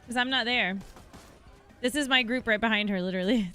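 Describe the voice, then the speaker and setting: A woman's voice: a little high, fairly quick, bright, forceful tone, clean tone, soft background music. A woman livestreaming while gaming, chatting casually and thanking viewers in a bubbly way. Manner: bubbly, reads out chat and thanks subscribers.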